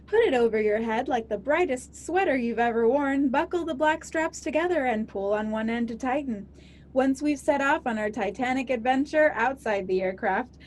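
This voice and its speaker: A woman's voice: fairly high pitch, a little mellow, slight background noise, close to an everyday voice. A woman playing a snarky flight attendant. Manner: snarky, cheeky asides. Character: sassy wisecracking female flight attendant. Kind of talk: comedy sketch acting.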